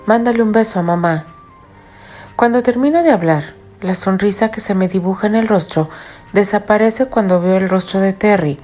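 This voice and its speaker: Brief: woman, romance audiobook narrator, intimate and half-whispered, warm mellow voice, soft music under. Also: medium pitch. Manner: intimate, often drops to a whisper.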